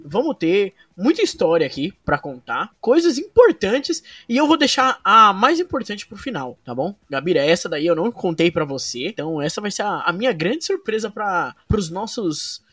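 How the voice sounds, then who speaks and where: A man's voice: high voice, very animated, moderate pace, hardly any pauses, fairly bright tone, slightly rough, no echo, studio quality, far from the mic. A Brazilian man hosting a football podcast in casual, slangy, informal chat.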